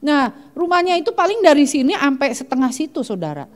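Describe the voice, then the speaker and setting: Woman pastor preaching, higher voice. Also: fairly quick, big-room sound. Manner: animated preaching, constantly addressing the congregation as "saudara"; acts out the voices of people in her stories. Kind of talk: sermon. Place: church.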